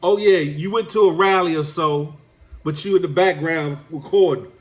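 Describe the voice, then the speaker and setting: Speaking at a moderate pace through a muffled recording, a male YouTube commentator with a fairly high voice sounds stuffed-up and nasal from allergies. His commentary is a preachy lecture aimed right at someone he calls "my brother."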